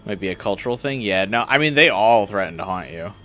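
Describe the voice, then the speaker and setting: A man's voice: fairly low pitch, expressive, quick pace, bright, forceful tone. A man doing casual, irreverent game commentary and reading story text aloud, with some background noise. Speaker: gameplay streamer.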